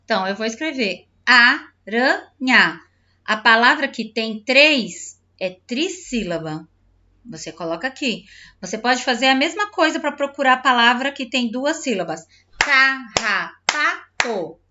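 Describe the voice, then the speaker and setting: A woman teacher patiently explaining a textbook lesson to young pupils, slowly sounding out syllables and talking directly to the children. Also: a little high, lively intonation, pushed and bright, dull audio. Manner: spells out syllables slowly, clapping out words. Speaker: primary school teacher.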